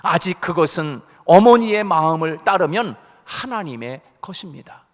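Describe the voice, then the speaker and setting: A man's voice: a little high, lively intonation, moderate pace. A male pastor delivering a Sunday sermon in a church, stressing his points by repeating key phrases. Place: church sanctuary. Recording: long church reverb.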